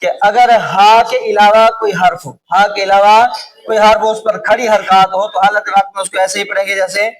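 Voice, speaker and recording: A man with a Pakistani Urdu accent teaching a class on reading the Quran. He slowly repeats words over and over, quizzes his students, and sometimes calls out loudly. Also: high-pitched, little pitch movement. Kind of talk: classroom lesson on Quranic recitation rules. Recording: distant mic with clear background noise.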